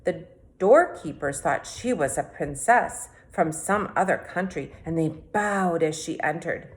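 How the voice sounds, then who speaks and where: A woman with a slightly low voice reads a storybook aloud, expressive and a little slow, like a teacher sharing a fairy tale with her class.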